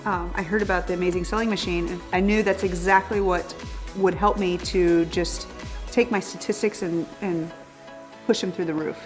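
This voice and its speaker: A woman from Florida giving a chatty testimonial, halting with fillers. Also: on the low side, steady tone, soft background music. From Florida, United States. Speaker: customer testimonial. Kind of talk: testimonial interview.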